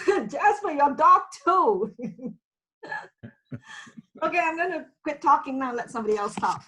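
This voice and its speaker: High-voiced Malaysian-born woman on a video call. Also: lively intonation, a little slow, bright, forceful tone, poor audio. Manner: laughing, hesitant with many fillers. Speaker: community member. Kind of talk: casual group video call greeting.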